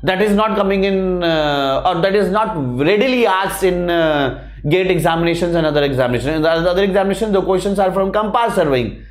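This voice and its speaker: High-pitched North Indian man lecturing. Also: a little fast. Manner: repeatedly addresses listeners as guys, emphatic repetition. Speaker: exam-prep teacher. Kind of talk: classroom lecture to camera. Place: indoor teaching studio at a large screen. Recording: roomy, echoing studio classroom.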